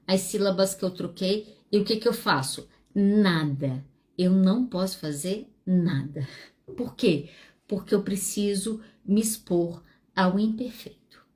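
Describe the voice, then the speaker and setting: A woman, hosting a solo podcast as a psychologist, speaking frankly and animatedly with wide swings in pitch. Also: darkish tone. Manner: frank and self-deprecating.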